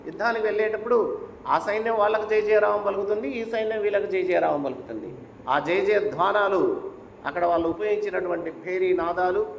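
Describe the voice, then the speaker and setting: A man's voice: high voice, vocal fry, slight background noise. A man giving a devotional discourse and telling a sacred story, urging listeners with rhetorical questions. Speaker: spiritual speaker. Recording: echoey hall with faint ambience.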